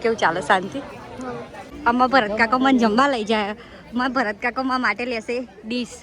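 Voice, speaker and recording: A woman's voice: a little high, steady tone, moderate pace. A woman vlogger chatting to her viewers on a handheld phone, calling them guys as she goes about a busy home gathering. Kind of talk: casual vlog chat. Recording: phone vlog with crowd chatter.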